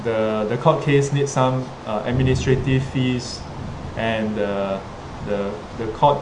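A man with a Singaporean accent tells a story casually as a livestream host, pausing and repeating himself often as he talks to his viewers. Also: mid-range voice, fairly even intonation. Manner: hesitant, halting, with frequent pauses and repetitions. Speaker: livestream host, teacher addressing students. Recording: clearly noisy ambient background. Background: ambient noise, rain.

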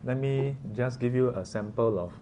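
A man's voice: medium pitch, moderate pace, mellow. Singaporean or Malaysian man teaching, noisy room. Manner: conversational, asks short prompting questions with particles like lah and ah. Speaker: teacher leading a class. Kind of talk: informal interactive lesson. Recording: clearly noisy room ambience.

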